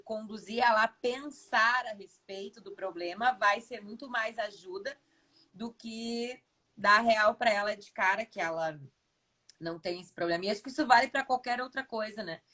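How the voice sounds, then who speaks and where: Uma mulher brasileira, mentora e coapresentadora, falando de modo reflexivo numa live. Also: female voice, a little high, moderate pace, bright, forceful tone. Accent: Brazilian Portuguese. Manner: reflective, guides the topics. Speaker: mentor and co-host. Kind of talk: live-stream talk.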